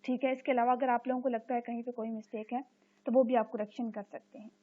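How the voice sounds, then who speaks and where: A female teacher gives a recorded lecture, reading English sentences slowly and explaining them in Urdu with a frequent "okay". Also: a little high, little pitch movement. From Pakistan. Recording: tinny phone-like audio.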